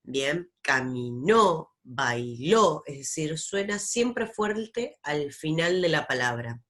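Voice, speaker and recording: Woman teacher, low voice, slow and patient, lots of pauses. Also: animated, fairly bright tone. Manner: slow, patient explaining with many pauses and fillers. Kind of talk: recorded lesson over slides.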